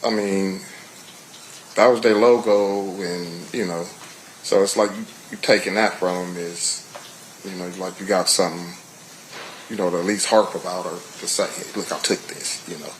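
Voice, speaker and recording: Deep-voiced, hesitant American man testifying. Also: steady tone, slight background noise, rough recording. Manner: hesitant, halting, peppered with 'you know'. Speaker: witness giving testimony. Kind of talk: spoken testimony, casual and colloquial.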